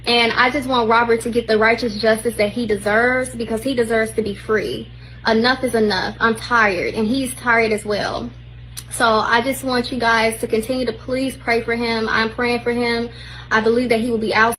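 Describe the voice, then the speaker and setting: Twenties woman, measured and insistent, kinda high pitched. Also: flat delivery, fairly bright tone, slight background noise, poor audio. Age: 20s. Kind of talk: self-recorded video statement.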